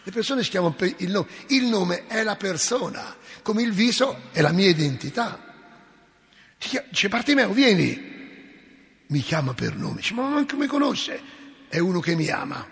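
A man's voice: high voice, lively intonation, normal speed, gravelly, fairly bright tone, in a large hall. A male preacher telling a gospel story to his congregation, acting out the voices and asking them questions. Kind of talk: sermon. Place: church.

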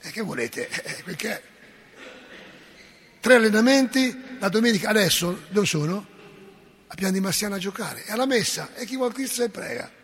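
A parish priest preaches a fervent sermon, scolding and joking by turns. His voice is gravelly and husky and sits fairly high for a man. It rings out with the long reverb of a church. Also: lively intonation, normal speed, pauses often, fairly bright tone. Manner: impassioned, scolding, folksy asides.

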